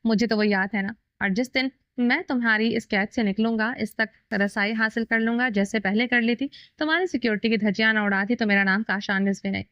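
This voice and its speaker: A woman's voice: on the high side, fairly even intonation, fairly quick, few pauses, fairly bright tone, no room sound, natural voice. A woman voicing a sly, mocking male villain held captive. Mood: sneering. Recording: dull lo-fi dry recording.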